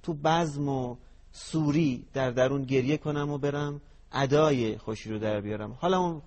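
A man's voice: medium pitch, darkish tone, lo-fi sound. A man hosting an interview, asking hesitant questions and searching for words. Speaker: host.

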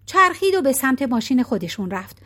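A woman reading a novel aloud as audiobook narrator, in a calm, even storytelling manner. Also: sits high.

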